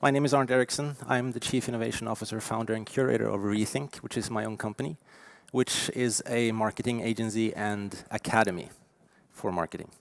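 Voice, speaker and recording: A man in his forties from Norway with a Norwegian accent, giving a lively, emphatic conference keynote with frequent fillers. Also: on the low side, brisk, gravelly, hardly any pauses, no room sound. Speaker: keynote speaker. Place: conference stage.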